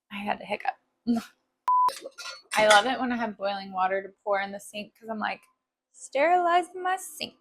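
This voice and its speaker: A woman's voice: a little high, a bit bright. A woman hosting a cooking show, chatty and giggly, stumbling over words as she demonstrates a recipe.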